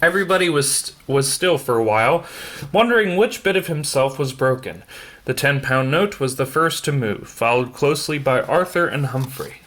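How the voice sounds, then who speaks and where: A bedtime story reader works through a picture book, tripping over a word now and then and chatting casually about the pictures. His medium-pitched voice is animated and a bit bright, at a moderate pace.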